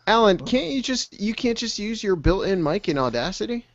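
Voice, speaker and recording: A man's voice: high-pitched, no room sound, muffled recording. A man hosting a podcast, joking around in casual chat with his co-hosts before and during the show. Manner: animated, joking, quick to laugh. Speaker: podcast host.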